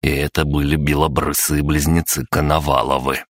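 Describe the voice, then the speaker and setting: A man narrating an audiobook in a steady, even storytelling manner. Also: extremely low pitch, normal speed, dry recording, clean studio sound. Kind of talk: scripted narration.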